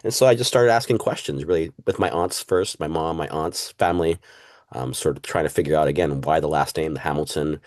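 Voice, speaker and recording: A man from Puerto Rico appears as a guest historian in a casual interview, speaking reflectively with plenty of fillers, asides and "right?". His rumbling low voice is brisk and darkish, captured in a dry, studio-quality recording.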